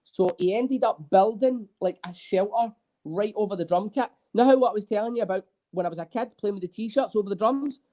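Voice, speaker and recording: Mellow-voiced drummer telling stories. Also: male voice, high voice, brisk, lo-fi sound. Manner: animated storyteller, swears freely. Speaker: guest, drummer. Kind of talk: casual podcast interview.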